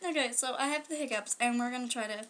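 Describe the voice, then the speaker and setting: A woman's voice: fairly high pitch, fast, fairly bright tone. A teenage girl co-hosting a home how-to video, speaking in casual slang with giggles, at times a little away from the mic. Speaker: co-host.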